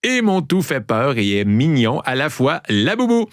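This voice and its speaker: A man with a Québécois accent hosting a show, playfully telling riddles and trivia and repeating each clue slowly. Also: mid-range voice, very animated, no room sound, studio quality. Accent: Québécois French. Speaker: podcast host. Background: background music.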